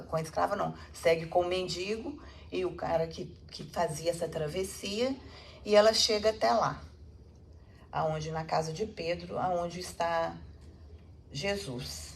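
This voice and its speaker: A Brazilian woman gives a spiritual talk in a meeting hall, retelling a story with lively energy and checking in with her listeners. Her voice has a gravelly edge, and a faint hiss sits behind her. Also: fairly low pitch. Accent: Brazilian Portuguese. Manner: animated retelling with frequent tag questions. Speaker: lecturer. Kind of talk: spiritual public lecture, storytelling.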